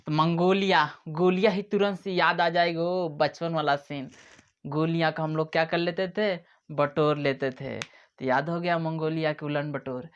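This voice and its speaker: A man's voice: fairly high pitch, fairly even intonation, moderate pace, clean tone. A man teaching memory tricks in a playful way, acting out little scenes as he explains. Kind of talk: mnemonic lesson to camera. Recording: dull lo-fi sound.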